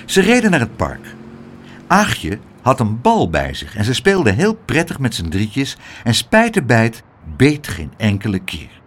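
A man reading a children's story aloud in a lively, expressive way. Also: medium pitch, a little slow. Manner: animated, expressive.

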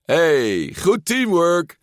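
A man reading a storybook aloud, voicing a brash, reckless teenage sea-monster boy who boasts and shouts. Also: medium pitch, sing-song, unhurried, dry recording, studio quality, pitched above the performer's own voice. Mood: triumphant.

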